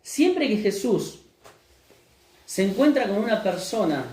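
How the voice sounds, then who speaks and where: Rioplatense pastor preaching in a roomy church. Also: male voice, sits high, very animated, slow pace, a little mellow. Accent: Rioplatense Spanish. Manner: asks the congregation questions and answers them himself. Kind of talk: sermon. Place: church hall.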